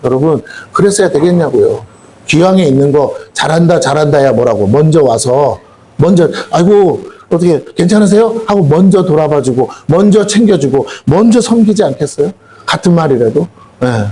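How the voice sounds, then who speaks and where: A man's voice: a little high, animated, moderate pace, dark tone. A middle-aged male pastor giving a folksy, colloquial sermon full of rhetorical questions to his congregation. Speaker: senior pastor. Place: church sanctuary.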